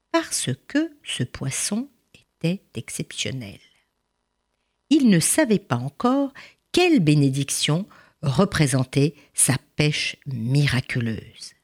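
A woman narrating a folk tale in an expressive storytelling manner, asking dramatic questions. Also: fairly low pitch.

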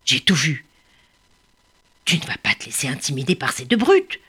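A woman voicing a small, clever male bird who speaks in a low, calm, reassuring way. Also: moderate pace, slightly rough, exaggerated voice.

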